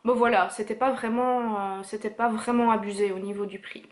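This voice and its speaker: A woman's voice: a little high, steady tone, a little fast. A young woman showing her makeup purchases in a casual haul video, chatty, with many fillers and self-corrections. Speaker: beauty vlogger.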